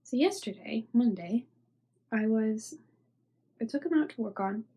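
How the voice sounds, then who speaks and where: Congested with a cold, a young knitting podcast host chats casually through show-and-tell, full of fillers, her words often fading to near-whispers. She speaks at a measured pace in a little-high, warm, slightly rough voice with lively intonation.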